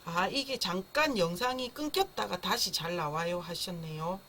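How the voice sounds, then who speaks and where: A woman's voice: lowish voice, normal speed, fairly bright tone, a little hiss or hum. A woman teaching a live online parenting class in a friendly, explanatory way, at times imitating the sound of a baby crying. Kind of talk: live-streamed online lecture. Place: indoor room, streaming live.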